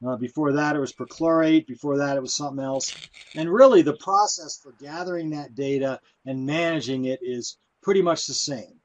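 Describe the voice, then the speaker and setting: A man presenting at a conference, talking in a relaxed, conversational way with many fillers. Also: on the high side, a little fast. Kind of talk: conference talk.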